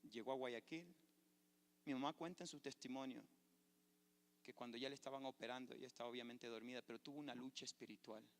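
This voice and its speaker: A man's voice: mid-range voice, fairly even intonation, quick pace. A man, a pastor preaching a sermon and telling a personal testimony with fervor. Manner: fervent preacher, storytelling testimony. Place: church sanctuary. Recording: echoey church hall.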